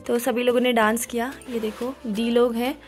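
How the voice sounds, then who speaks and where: This young bride, a vlogger from the Uttarakhand hills, chats playfully and teasingly while describing her wedding pictures. She talks at a moderate pace in a fairly high voice with little pitch movement. There's faint music in the background.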